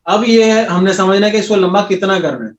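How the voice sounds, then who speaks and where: A man teaching an Arabic recitation class, patiently repeating sounds slowly and quizzing his students. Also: high voice. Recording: echoey room, voice from a distance, dull sound.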